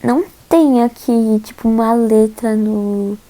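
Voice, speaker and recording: Young Brazilian woman, casual tutor, hesitant and giggly, warm low-brightness tone. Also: steady tone, takes it slowly, low-quality recording. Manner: chatty, hesitant, giggly, many fillers. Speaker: host teaching Korean alphabet. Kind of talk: casual slide lesson.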